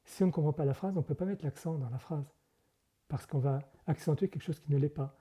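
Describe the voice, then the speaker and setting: A man's voice: fairly high pitch, fast talker, mellow, husky. A monk being interviewed, explaining things carefully and often hesitating, correcting himself as he goes. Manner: explanatory, hesitant with frequent fillers and self-corrections. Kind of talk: conversational interview.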